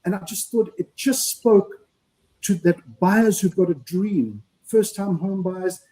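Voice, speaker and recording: In a low-quality recording, a man with a high, mellow voice takes his time speaking. He co-hosts a podcast as a live show, keeping the live-stream chat casual yet earnest and speechifying, and he often says "right?".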